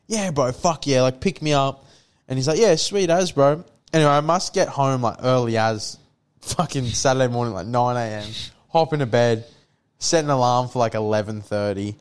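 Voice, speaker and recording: A young man with a clean, smooth voice. He tells stories casually, in a laddish way full of slang and swearing. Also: medium pitch. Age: young adult. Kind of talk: casual chat, storytelling.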